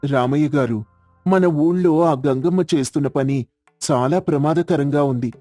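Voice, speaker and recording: An earnest young village doctor speaks firmly and with resolve in a storybook tale played by a man. The voice is slightly high and clear, recorded dry and close, with faint music behind. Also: a little slow, warm tone, dry recording, close to an everyday voice. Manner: firm, earnest.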